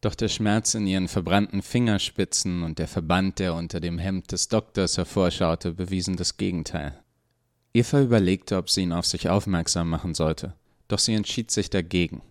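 Deep, gravelly-voiced male storyteller. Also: fairly even intonation, moderate pace, dry recording, clean studio sound. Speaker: narrator. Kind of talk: audiobook reading of a serial story.

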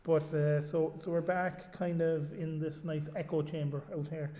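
A man's voice: on the high side, level tone, measured pace, warm tone. A man hosting a casual football discussion in a conversational, hesitant way, his voice ringing with a big echo. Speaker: podcast host. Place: echoey room. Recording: echoey room, big echo on voice.

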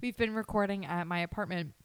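A woman in relaxed podcast banter, teasing and swearing freely as she jokes with her co-host. The recording is dry, with almost no room around her voice. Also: medium pitch, fast, smooth, dry recording. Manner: playful, swears freely, mimics people. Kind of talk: casual chat. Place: dining room at home.

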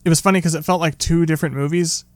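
A man co-hosting a podcast, chatting about movie scenes in an animated, casual way. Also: a little high, rapid-fire, no echo. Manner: animated, acts out characters briefly. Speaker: podcast co-host. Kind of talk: casual film discussion.

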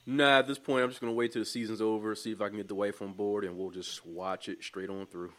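A man with a fairly low voice co-hosts a podcast. His delivery is casual and conversational. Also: level tone, quick pace, a bit bright. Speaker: podcast co-host. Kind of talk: casual chat.

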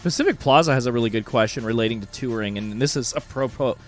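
Male host, mid pitch, excitable, casual swearing, faint music behind. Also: fast. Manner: enthusiastic, swearing, reading listener questions. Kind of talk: casual chat.

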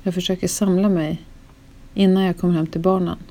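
A woman with a low, gravelly voice reads a personal memoir in the first person. Her delivery is slow and solemn, weighed down with grief. It is scripted storytelling. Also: flat delivery, mellow. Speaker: narrator.

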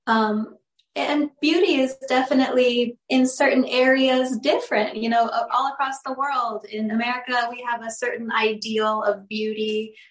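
A young woman with a fairly high, steady voice speaks at a moderate pace as a guest on an interview show. An actress and model, she chats casually and upbeat, laughing easily as she tells stories. The room sounds echoey, and airplane noise can be heard outside.

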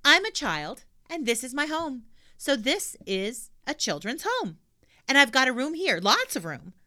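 A woman voicing a bold, cheeky little girl of nine with quick, gleeful comebacks. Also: high voice, sing-song, pushed and bright, voice pushed up, exaggerated voice.

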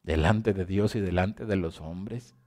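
Reading scripture during a sermon, this preacher speaks in a low voice at an unhurried pace. His phrases recur as he moves back and forth between hushed and loud stretches.

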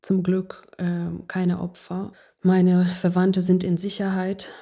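A woman from Ukraine with a Ukrainian accent, a jazz singer answering interview questions haltingly, often searching for words. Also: lowish voice, completely flat delivery, vocal fry, warm tone, breathy edge.

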